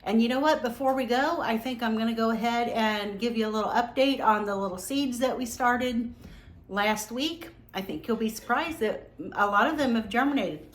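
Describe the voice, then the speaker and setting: A woman hosting a casual home vlog, chatty and relaxed with many ums. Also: on the high side, normal speed. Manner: talks while tasting, mouth full. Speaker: home cooking vlogger. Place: home kitchen and growing room. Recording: roomy home echo.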